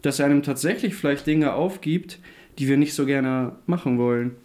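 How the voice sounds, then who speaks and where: A man's voice: medium pitch, moderate pace, darkish tone. Earnest man in casual talk. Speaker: podcast co-host.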